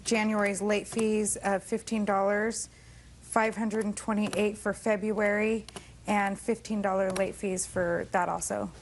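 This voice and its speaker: Even-toned woman plaintiff, polite and precise. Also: mid-range voice, measured pace, a little hiss or hum. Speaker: plaintiff in TV court. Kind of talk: formal courtroom answers.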